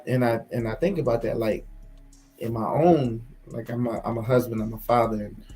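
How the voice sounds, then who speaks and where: A man's voice: medium pitch, darkish tone. A man chatting casually and reflectively with friends as a co-host, candid and swearing freely, repeating phrases for emphasis. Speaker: co-host of a casual talk show.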